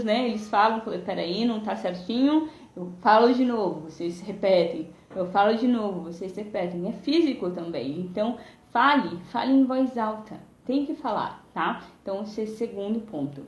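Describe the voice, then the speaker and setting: Her mid-range voice moves fairly quickly in an echoey room as this English teacher with a Brazilian Portuguese accent streams a chatty live lesson. She keeps checking in with "né?" and "tá?", recorded on a phone or webcam.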